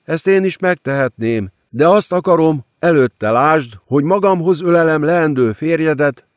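A man's voice: a little high, dry recording, studio quality, voice pushed up, close to an everyday voice. A man voicing a cruel, seductive female demon queen who mocks and gloats. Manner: mocking, gloating.

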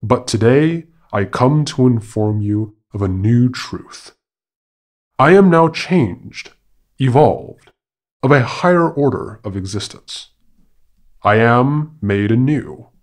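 A man's voice: mid-range voice, animated, takes it slowly. A man voicing a boastful male monkey who proclaims himself a man, speaking in a grandiose, declaiming manner.

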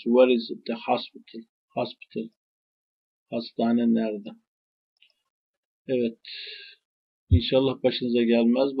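A man with a Turkish accent leads a language lesson. His voice is husky and sits at an ordinary middle pitch, and he models each English phrase slowly and deliberately. The recording sounds dull and lo-fi. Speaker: English teacher.

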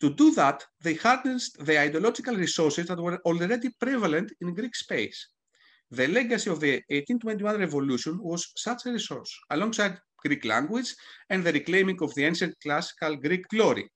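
A man delivers a prepared academic talk in a scholarly, measured way, pausing to correct small slips. His voice sits high and moves animatedly up and down across his phrases. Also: lively intonation, fairly bright tone. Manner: scholarly, careful, occasional self-corrections. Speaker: academic panel speaker. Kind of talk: reading a prepared historical lecture.

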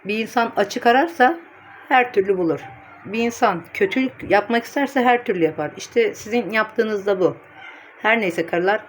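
A woman's voice: medium pitch, normal speed, a little hiss or hum. A woman vlogging casually to her phone camera, chatty, blunt and teasing, with a way of talking.

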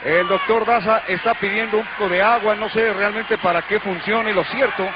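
A man's voice: high-pitched, fairly even intonation, moderate pace. A man with a Mexican accent giving an urgent live backstage wrestling report with formal turns of address. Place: concrete backstage area of arena. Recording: lo-fi TV audio, loud crowd and noise. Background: loud crowd and noise.

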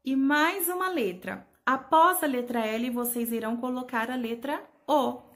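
Woman teacher talking to little kids, slow and patient, sounds out syllables. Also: high-pitched, a bit bright. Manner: patient, spells out letters and syllables. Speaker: preschool teacher. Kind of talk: slow remote lesson for young children.

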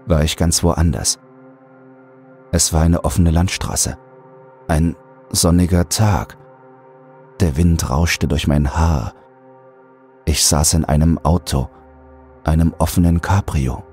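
Soft music plays quietly beneath a man narrating a horror story dramatically. His extremely deep voice holds a steady tone, and he reads slowly, in a measured, suspenseful way.

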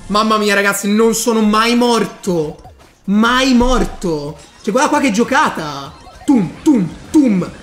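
A man giving excitable live commentary over his own gameplay, breaking into bursts of hype and talking straight to his viewers. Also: high voice. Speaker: gaming YouTuber.

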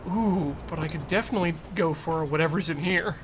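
A man's voice: a little high, a little slow. A middle-aged man giving casual, wry gameplay commentary as a streamer, with dry asides. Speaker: streamer playing a video game.

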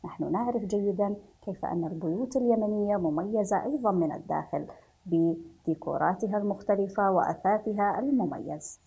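A woman teacher with a Yemeni Arabic accent, slowly leading a children's reading lesson, repeating words for pupils and praising them often. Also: medium pitch, creaky, mellow, breathy edge, poor audio.

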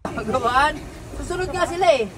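High-voiced Filipino vlogger shouting over wind. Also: male voice, expressive, a little fast, crowd noise. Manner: exclaiming, calls out to friends and viewers. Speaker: travel vlogger. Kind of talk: excited vlog narration. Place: outdoors at a beach island by the sea. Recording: wind and surf noise outdoors.

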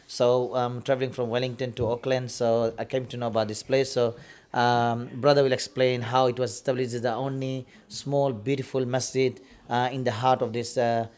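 Middle-aged man from Australia, brisk preacher-interviewer, even pitch, rapid pace. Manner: brisk, with Arabic blessings. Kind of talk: formal greeting and interview. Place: small mosque prayer room, indoors. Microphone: handheld mic.

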